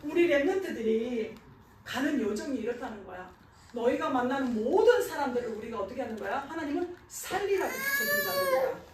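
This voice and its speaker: A children's pastor preaches to kids in a church sanctuary, asking them questions and answering them herself. Her high voice is sing-song and brisk, recorded in an echoey hall with the mic far away.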